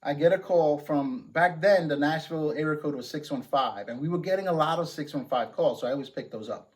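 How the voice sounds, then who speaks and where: Storytelling man with a higher voice. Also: brisk. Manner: conversational, animated retelling with quoted dialogue. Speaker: host. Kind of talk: casual storytelling.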